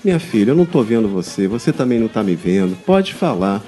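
A man doing a calm, coaxing old priest. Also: fairly low pitch, fast talker, soft background music, pitched below the performer's own voice. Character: patient older male priest in a confessional.

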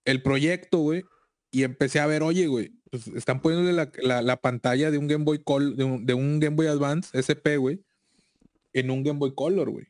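Mexican dude talking like a bro, swears a lot, slightly high voice, dry close sound. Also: male voice, steady tone, moderate pace, darkish tone, no echo. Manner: laddish bro talk, slangy and profane. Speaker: video game collector. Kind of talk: casual chat.

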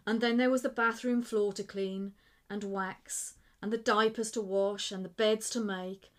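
A woman reading a short story aloud in a measured, expressive narration. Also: mid-range voice.

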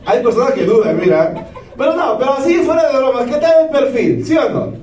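A man in his thirties giving a lively motivational talk, keeps asking the audience yes or no. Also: very high voice, a little fast. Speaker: motivational speaker. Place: large hall with a live audience. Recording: echoey hall, speaker far from the mic.

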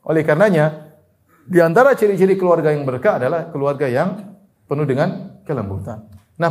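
A male preacher delivers an Islamic sermon, building up to emphatic points before falling into soft, low asides. Now and then he chuckles at his own examples.

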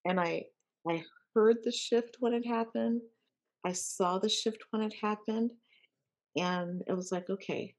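A woman's voice: mid-range voice, fairly even intonation, measured pace. A woman coach hosting an interview, encouraging and repeating key phrases for emphasis. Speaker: life coach and podcast host.

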